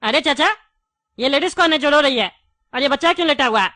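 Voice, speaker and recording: Woman voicing bald cartoon candy seller, high bright voice, chatty and wary. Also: animated, a little hiss or hum. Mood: coaxing. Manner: chatty, wary, quick to take offence. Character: bald adult male candy shopkeeper, chatty, touchy. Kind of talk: cartoon voice acting.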